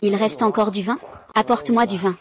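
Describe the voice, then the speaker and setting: A woman reading all the parts of a dubbed drama recap in one flat, even voice. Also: medium pitch, a little fast, background noise.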